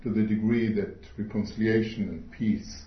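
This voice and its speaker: Middle-aged man, English, slow deliberate sermon, lowish voice, dull roomy sound. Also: steady tone. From Switzerland. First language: not English. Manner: slow, earnest, pauses often with fillers. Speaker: speaker at a church meeting. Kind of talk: sermon talk.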